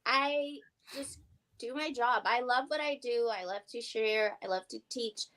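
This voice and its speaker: A young adult woman, an award-winning guest, talking excitedly in a casual interview chat. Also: a little high, measured pace, rough recording. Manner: excited, upbeat, talkative.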